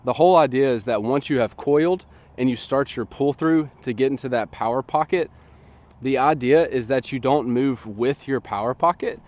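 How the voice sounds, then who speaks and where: Filmed from afar by a tripod-mounted camera in an open field, a young disc golf coach in his twenties casually explains a sports technique. His mid-range voice sounds slightly nasal from a sinus infection, and he speaks at a moderate pace.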